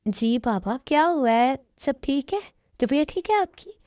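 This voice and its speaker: A woman voicing a gentle, reassuring young daughter in a fan dub. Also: high-pitched, expressive, unhurried, no room sound, clean studio sound. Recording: music in background.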